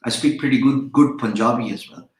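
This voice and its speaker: Speaking a little fast in a mid-range voice, an Urdu-speaking online freelancing instructor gives a relaxed live-stream lecture from an echoey room. He's chatty and rambling, with lots of fillers and restarts.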